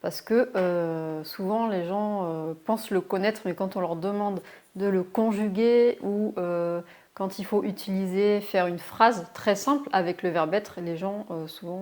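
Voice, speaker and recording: Slow, careful woman teaching English. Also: mid-range voice, darkish tone. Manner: clear, deliberate, repeats English examples slowly. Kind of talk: French-language English lesson.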